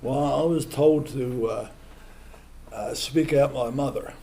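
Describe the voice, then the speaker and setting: An older man from England with an English accent, telling a true story at a live event, halting with many fillers and chatty asides to the audience. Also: medium pitch, noisy background. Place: small museum event room.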